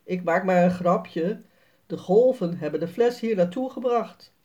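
A woman's voice: on the low side, a little slow, mellow, natural voice. A woman voicing a cheerful, joking young father in a children's story, playful and encouraging.

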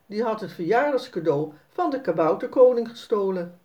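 A storyteller voicing an excited, insistent little girl. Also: medium pitch, moderate pace, far from the mic, lo-fi sound, pitched above the performer's own voice, lightly acted.

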